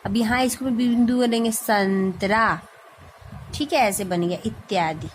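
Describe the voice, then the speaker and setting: A woman's voice: medium pitch, measured pace, slight background noise. A woman teaching a grammar lesson, explaining each point patiently and often checking in with her students.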